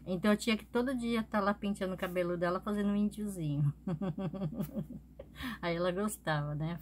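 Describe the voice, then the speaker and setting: A woman's voice: fairly low pitch, slight background noise. A woman vlogger telling a personal story in a casual, chatty way, often adding little tag questions.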